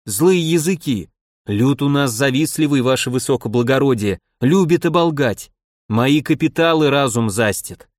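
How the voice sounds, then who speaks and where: A man's voice: medium pitch, lively intonation, normal speed, dry recording, studio quality, close to an everyday voice. A man voicing a groveling, frightened merchant who pleads and fawns, in an audiobook reading. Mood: fawning. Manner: pleading, fawning.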